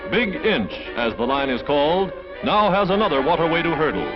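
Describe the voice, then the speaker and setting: A man's voice: on the high side, lively intonation, fairly quick. A man narrating a 1940s newsreel in a dramatic announcer manner. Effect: old newsreel audio. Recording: lo-fi old newsreel with music behind.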